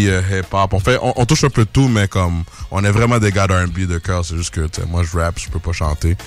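A man in his forties with a Québécois accent, a rapper talking casually as a guest and mixing in English slang. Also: deep voice. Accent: Québécois French. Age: 40s. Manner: laid-back, mixes in English slang. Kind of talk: casual interview chat.

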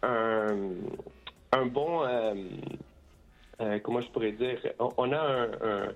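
A man's voice: mid-range voice, slow, a little hiss or hum. A man who grew up in Costa Rica, a band member giving a casual radio interview, hesitant, with many restarts, moving between French and Spanish.

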